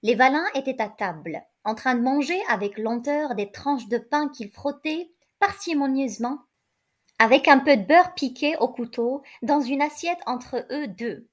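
A woman reading a literary story aloud in a steady, clear storytelling voice. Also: high-pitched, measured pace. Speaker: reader.

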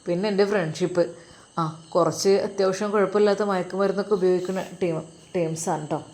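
A woman's voice: on the low side, fairly even intonation, fast talker, darkish tone, pitched below the performer's own voice, lightly acted. A woman voicing a scheming young husband who talks with a swaggering, teasing tone. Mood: smug.

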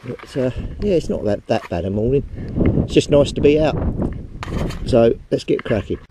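An animated man of medium pitch and moderate pace narrates his metal detecting on the beach, rambling to the head-mounted action camera as he digs. Wind buffets the audio, and wind and waves sound behind him.

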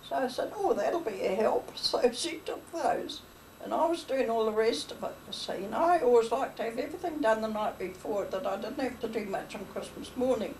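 An older woman in an oral history interview tells family stories animatedly, rambling, laughing and playing out past conversations. Her voice sits a little high and a little mellow, and she moves fairly quickly. The recording comes from a distant mic with light hiss.

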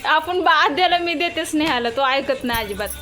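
A woman's voice: high voice, fairly quick, sharp tone. A young mother chatting with her little child in a casual family vlog, coaxing and teasing. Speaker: mother and vlogger.

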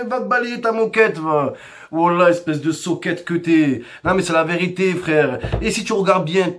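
A man delivering a comedic rant, mocking and teasing, his pitch jumping up and down. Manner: mocking, teasing, jumps between high and low pitch.

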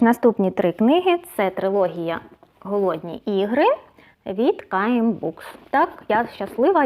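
A woman's voice: mid-range voice, a little mellow. A woman book blogger in a casual vlog, chatting and thinking aloud as she sorts books. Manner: chatty, thinks aloud, often says "so" between items.

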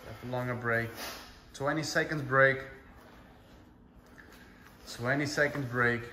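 Steady and measured, a man's medium-pitched voice comes out pushed and bright as he coaches a heavy bag class through commanding, encouraging cues and countdowns. The setting is an indoor kickboxing gym with mats and mirrors, captured in an echoey recording with clicks and obvious background noise.

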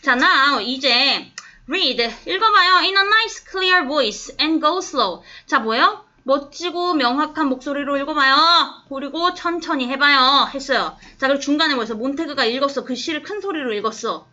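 A woman teacher's voice, high and bright, walks a class through an English passage. She coaxes the students and keeps checking whether they follow. The recording is dull and lo-fi, as if captured in the classroom. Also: lively intonation, a little slow. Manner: coaxing, keeps asking the class if they understand. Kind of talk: classroom lesson explaining an English text.

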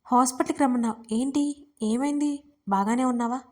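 A woman's voice: a little high, fairly even intonation, moderate pace, a little mellow, lightly acted. A woman voicing a chatty, prying young woman who teases her best friend in an audiobook romance. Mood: anxious. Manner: chatty, prying, playfully mischievous. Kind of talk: audiobook character reading.

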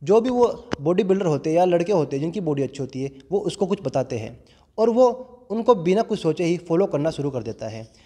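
A man's voice: a little high, expressive, a little fast, warm tone. Young man in an echoing gym. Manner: earnest, explanatory, addresses viewers as friends. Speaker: fitness YouTuber, gym owner. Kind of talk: explainer vlog to camera. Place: large indoor gym. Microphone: clip-on lapel mic held in hand. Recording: long reverb of a gym hall.

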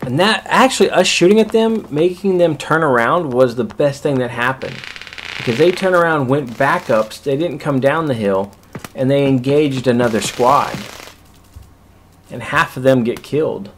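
A man's voice: mid-range voice, animated, normal speed, a little hiss or hum. A man giving casual commentary over a recorded match, explaining each move to his squad in an easygoing way. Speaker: host narrating a squad's match.

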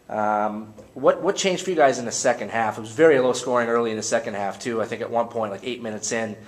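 A man interviewing players at a postgame press conference, rambling and restarting his questions. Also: mid-range voice.

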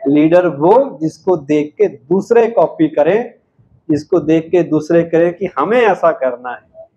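Unhurried high-voiced man giving a spiritual talk. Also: lively intonation, mellow, slightly rough. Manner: asks the audience questions and answers them himself; unhurried, emphatic delivery. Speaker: spiritual speaker. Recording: slightly dull, lo-fi sound.

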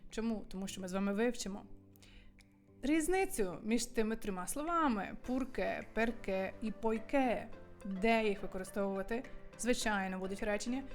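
A woman teaching Italian from home and wearing headphones with a microphone. She speaks in a lively way and asks and answers her own questions. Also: medium pitch. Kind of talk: language lesson to camera.

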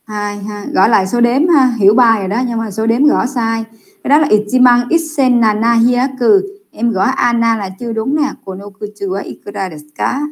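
Patient woman teacher explaining slowly. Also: a little high. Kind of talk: online Japanese class correction.

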